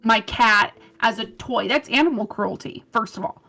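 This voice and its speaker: A woman's voice: fairly high pitch, normal speed, creaky, bright, forceful tone. A woman playing a tabletop game, blunt and sarcastic as she scolds another character. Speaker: player.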